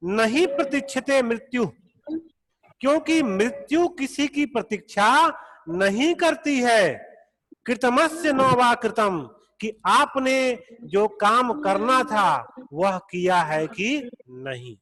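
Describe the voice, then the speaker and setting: A man teaching a Sanskrit class over a video call, explaining slowly and patiently, repeating each point. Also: very high-pitched, expressive, a bit bright. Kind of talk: online class lecture. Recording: long echoey reverb.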